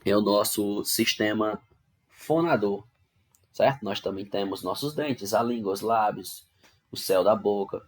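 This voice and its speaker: A man with a Brazilian Portuguese accent teaches an online grammar lesson from home in a lowish, unhurried voice. He walks through the material patiently, step by step, frequently making sure students are keeping up.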